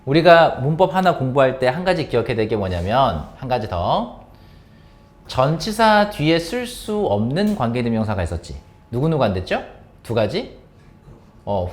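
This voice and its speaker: A man teaching English exam grammar to high school students in Korean, asking questions and answering them himself. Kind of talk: explaining an exam passage to students.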